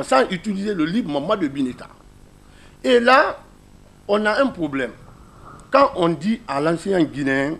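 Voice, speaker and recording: High-voiced Guinean French man teaching. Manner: explains step by step, asks listeners questions. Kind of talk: classroom teaching demonstration.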